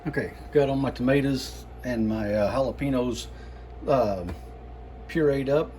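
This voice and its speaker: A man giving a casual home cooking demonstration, explaining things in a halting, unhurried, folksy way. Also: mid-range voice, mellow, a little hiss or hum. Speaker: home cook presenting a recipe.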